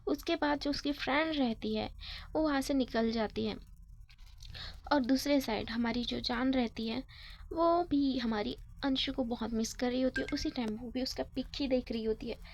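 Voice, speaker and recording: High-voiced woman telling a story. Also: normal speed. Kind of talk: casual spoken story narration.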